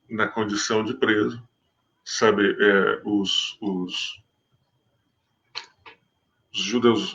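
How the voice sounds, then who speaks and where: A man's voice: mid-range voice, pushed and bright, highs cut off. A man giving a Spiritist talk, mixing scripture reading with conversational commentary full of fillers. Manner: conversational, many fillers and restarts. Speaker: Spiritist lecturer.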